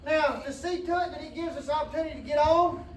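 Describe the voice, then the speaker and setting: A man's voice: very high-pitched, fast, a little hiss or hum. A man, a horse trainer explaining his work while riding in an outdoor round pen, in a drawling, folksy way. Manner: drawling, folksy, preachy asides, soothing whoas to the horse. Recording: distant echoey outdoor recording.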